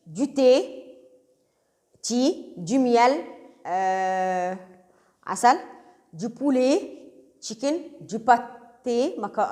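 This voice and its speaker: A woman with an Egyptian accent, whose first language is Arabic, teaching a French grammar lesson, mixing French with Arabic and English glosses and repeating the vocabulary slowly. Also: on the high side, a little mellow, big-room sound. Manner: slow, deliberate repetition of vocabulary. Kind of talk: classroom lesson explaining grammar.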